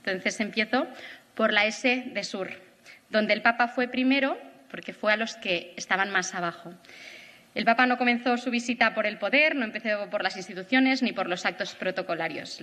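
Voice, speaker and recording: A woman's voice: medium pitch, moderate pace, pushed and bright. Woman lecturing in a reverberant auditorium. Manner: earnest, reflective, with filler "eh" and "¿no?". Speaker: conference speaker. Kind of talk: prepared lecture. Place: large auditorium.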